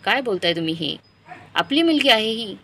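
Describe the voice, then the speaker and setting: A woman's voice: on the high side, big pitch swings, moderate pace, a bit bright, exaggerated voice. A woman voicing an upset middle-aged wife and mother who pleads with and confronts her husband. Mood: upset pleading.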